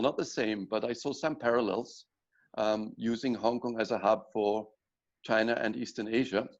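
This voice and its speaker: Man, logistics director, chatty, light humor, lowish voice, lo-fi sound. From Austria. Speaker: regional logistics director, panel guest. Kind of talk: webinar self-introduction.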